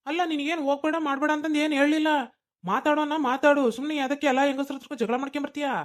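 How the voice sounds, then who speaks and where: A harried village husband stuck between his wife and his mother in a cartoon comedy, as a woman voices him. He talks fast and high, pleading and scolding in a North Karnataka Kannada accent. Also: little pitch movement, natural voice. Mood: placating. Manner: exasperated pleading.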